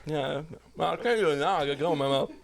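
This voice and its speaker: A man's voice: on the high side, expressive, fast talker, vocal fry, crowd noise. A man in his twenties co-hosting a podcast, chatting casually, joking and rambling with frequent laughs. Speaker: podcast co-host. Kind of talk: casual chat.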